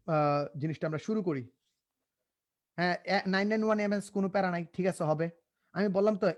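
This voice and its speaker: A man's voice: high-pitched, darkish tone, dry recording. A young man from Bangladesh, teaching a live online class in a casual, joking way, often repeating himself and coaxing students to answer.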